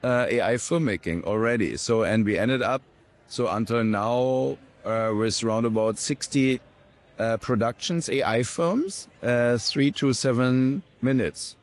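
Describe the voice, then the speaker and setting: A man's voice: mid-range voice, measured pace. A man in his fifties, a program director and juror, answering interview questions hesitantly with many fillers. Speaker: program director, jury member.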